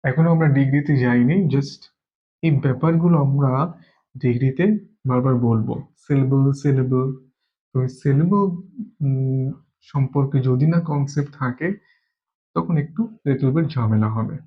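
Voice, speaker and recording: A man's voice: medium pitch, unhurried, lo-fi sound. Bengali-speaking man teaching step by step. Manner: explains step by step, repeats key words. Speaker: English teacher. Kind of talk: classroom grammar lesson.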